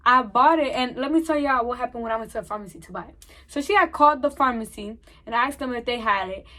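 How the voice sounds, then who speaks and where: A young vlogger with a high-pitched voice tells a storytime vlog at a quick pace. She acts out the dialogue as she goes and keeps the telling animated.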